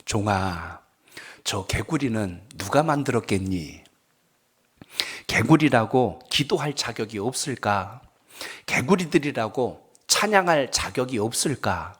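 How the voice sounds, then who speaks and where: A man voicing a gentle divine inner voice that speaks softly and low. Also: animated, a little slow, breathy edge. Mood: tender. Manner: soft, low and hushed.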